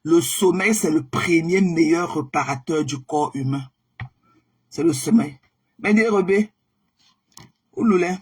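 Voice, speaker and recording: A woman hosting a casual live stream, chatting warmly with viewers and greeting them by name, often repeating herself. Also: on the low side, a little slow, pauses often, husky. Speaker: livestream host.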